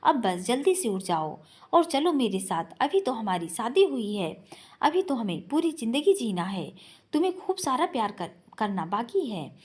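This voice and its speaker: A woman's voice: a little high, big pitch swings, moderate pace, breathy edge. A woman voicing a grief-stricken young husband who pleads and rages in desperation. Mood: frantic grief.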